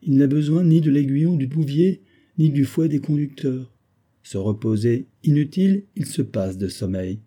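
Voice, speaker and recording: A confident, methodical engineer from an audiobook, voiced by a man. He explains point by point in a measured, persuasive way, his tone dark and slightly husky. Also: medium pitch, lively intonation, voice pushed up. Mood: explanatory. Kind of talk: audiobook character reading.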